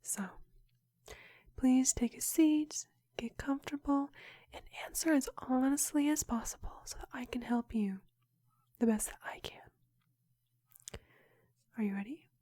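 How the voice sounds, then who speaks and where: A young woman whispers close to the mic in a breathy, mellow voice, slightly high. She plays a clinic counselor in ASMR roleplay and asks slow questions with unhurried pauses. The sound is dry and intimate. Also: dry recording. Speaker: ASMR creator.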